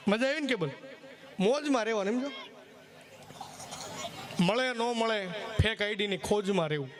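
Brief: male stage comic, high voice, chatty, teasing. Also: moderate pace. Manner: chatty, teasing the crowd, asks "samjya?". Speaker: stage comedian. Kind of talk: live folk comedy storytelling.

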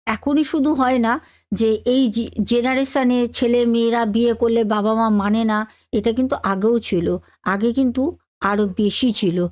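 A woman's voice: on the high side, no room sound. A woman telling a family story in a casual, chatty way, talking straight to her listeners. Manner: chatty, addresses listeners directly, many fillers.

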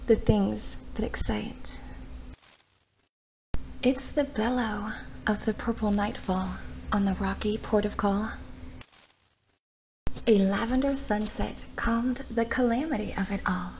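A woman reads a poetic bedtime story in a breathy, half-whispered voice, intimate as if right in your ear, with deliberate pauses. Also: medium pitch, a little mellow, slight background noise, poor audio. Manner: slow, deliberate phrasing with pauses.

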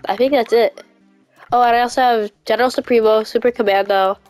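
A woman's voice: on the high side, fairly even intonation, a little fast, a little mellow, clean tone, dry recording, soft background music, rough recording. A woman hosting her gaming channel, talking casually and explaining things in a chatty way with fillers and restarts. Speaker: channel host. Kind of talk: casual let's-play chat.

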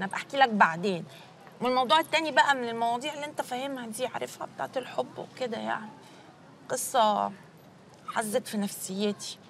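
A woman's voice: fairly high pitch, bright, forceful tone, slight background noise. A chatty Egyptian woman. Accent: Egyptian Arabic. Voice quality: talkative, playful, quick banter. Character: chatty, teasing young woman teacher. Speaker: actress in a TV comedy series. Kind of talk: TV comedy drama dialogue.

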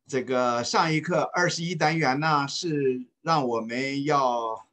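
A man teaching an online English class, speaking slowly and patiently and repeating phrases for students to follow. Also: mid-range voice, a bit bright. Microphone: video call.

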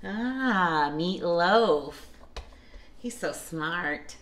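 A woman's voice: on the low side, expressive, extremely slow, a bit bright. Chatty middle-aged woman vlogging dinner. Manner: chatty, narrates each step and asks questions. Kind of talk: casual cooking vlog. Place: home kitchen and backyard patio. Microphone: handheld phone camera.

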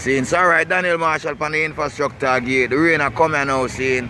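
This Jamaican vlogger speaks in a high, bright, forceful voice that stays steady, moving fairly quickly as he gives a casual walking-tour commentary in Rasta speech. His talk rambles and repeats, peppered with "see," "you know," and "blessed love." Recorded on a handheld camera in a city park by busy streets, the audio is noisy with traffic.

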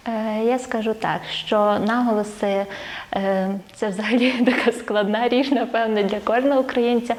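A woman's voice: fairly high pitch, steady tone, moderate pace. A woman who teaches language and literature, speaking as an interview guest. She explains things step by step, with many filler sounds and light laughs between phrases.

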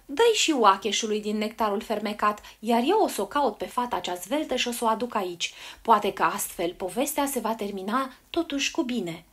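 A woman's voice: fairly high pitch, expressive, hardly any pauses, husky. A woman voicing a fairy king who speaks regally to his servant in a storybook tale.

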